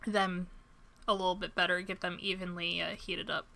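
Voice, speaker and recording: A young woman streaming a farming game, chatting to her viewers at a desk mic. Her voice is bright and forward, with self-deprecating asides, and keyboard typing clicks behind her. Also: lowish voice, little pitch movement, normal speed, gravelly, a little hiss or hum. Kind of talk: casual gameplay commentary.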